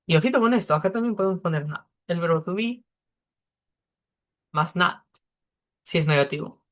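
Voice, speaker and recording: A man's voice: high voice, lively intonation, moderate pace, fairly bright tone. A man teaching a beginner English lesson, explaining step by step with patience.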